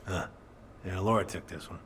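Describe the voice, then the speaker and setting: An actor playing a gruff, middle-aged American boat captain, grieving and defensive, in a dramatic video game. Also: male voice, low-pitched, normal speed, a bit bright, slight background noise. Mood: wistful, subdued.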